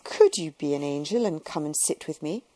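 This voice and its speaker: A woman's voice: low voice, expressive, normal speed, mellow, dry recording. A woman reading the part of a languid, luxurious society woman who gossips in an imperious drawl. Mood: urgent gossip.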